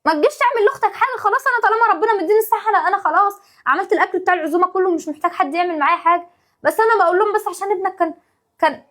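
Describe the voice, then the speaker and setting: Her voice is very high with a fairly bright tone, and she speaks with an Egyptian accent. Acting in a home-video family sketch as a put-upon young wife and mother, she pleads in an exasperated, rapid-fire way.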